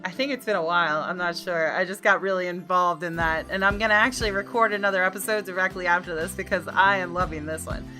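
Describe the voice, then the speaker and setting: A woman with a fairly low-pitched voice races through a let's play with hardly any pauses, reading the story narration and remarking to her viewers. Faint game music can be heard behind her.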